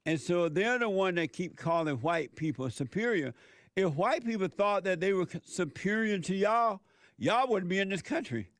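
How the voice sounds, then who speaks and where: A man's voice: high voice, animated, normal speed, no room sound, clean studio sound. A man hosting call-in talk radio, debating bluntly and repeating his questions.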